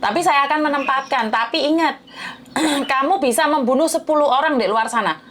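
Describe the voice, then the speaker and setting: Woman, very high voice, coaxing and rough-spoken, advice chat, faint noise. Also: a little fast, fairly bright tone. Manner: coaxing, calls listener "sayang", rough-spoken. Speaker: advice-giving host.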